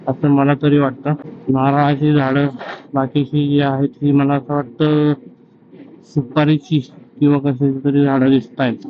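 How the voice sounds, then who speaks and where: Man, solo rider vlog, fairly high voice, muffled audio over faint road noise. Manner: reflective, gives life advice between road updates. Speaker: solo motorbike travel vlogger. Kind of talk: casual travel vlog talk. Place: outdoors on a road trip.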